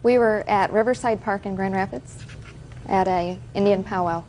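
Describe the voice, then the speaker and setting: A woman's voice: medium pitch, moderate pace, a little mellow, low-quality recording. A woman answering a judge as a plaintiff, giving brief, matter-of-fact testimony. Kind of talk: courtroom testimony. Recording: faint background noise, courtroom.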